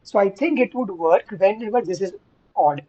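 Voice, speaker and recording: A woman talking through math on a video call whose audio keeps cutting out, speaking in halting, thinking-aloud bursts. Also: medium pitch, expressive, mellow, muffled recording. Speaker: student in a study call. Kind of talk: casual math discussion.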